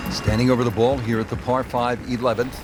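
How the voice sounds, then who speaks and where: A man playing an upbeat golf commentator in a video game, calling play in a measured, polished sportscaster delivery. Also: medium pitch, little pitch movement, over music, natural voice. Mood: measured, approving. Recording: very loud crowd ambience behind the voice.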